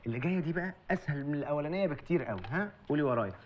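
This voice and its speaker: A man's voice: fairly high pitch, expressive, very fast, slight background noise. A man with an Egyptian accent trading sarcastic wisecracks in film comedy dialogue. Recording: slightly dull film audio.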